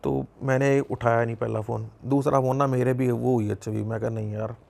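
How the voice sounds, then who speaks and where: A man's voice: medium pitch, level tone, brisk, gravelly, a little mellow. A young man with a Punjabi accent telling a personal story in casual conversation, repeating himself and acting out the dialogue. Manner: conversational, lots of repetition and quoted dialogue. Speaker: podcast guest.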